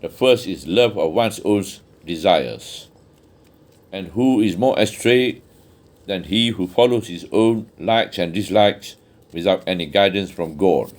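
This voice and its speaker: Low-voiced man reading a religious text. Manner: measured, earnest reading with occasional restarts and throat clearing. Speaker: audiobook reader. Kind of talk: reading a religious book aloud.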